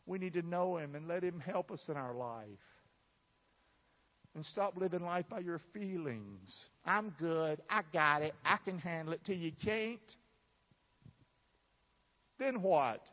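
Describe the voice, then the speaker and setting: A man whose voice is on the high side preaches in an animated, unhurried way, pausing often. He is from the southern United States, speaks with a Southern American accent, and is emphatic and folksy as he questions his congregation. The large church room sounds dull and reverberant.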